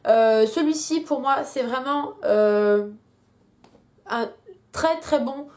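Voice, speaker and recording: A woman's voice: high voice, slow, a little mellow. A young woman chatting casually in a beauty product review, full of hesitations, while she has a headache. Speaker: beauty vlogger.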